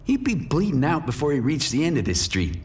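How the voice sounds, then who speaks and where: A man with a fairly high voice that swoops wildly in pitch, speaking a little fast. He's an actor voicing a bitter, menacing drug dealer who narrates his own crime drama with cynical, profane threat, in noir-style first-person scripted narration and dialogue. The mood is brooding and cynical.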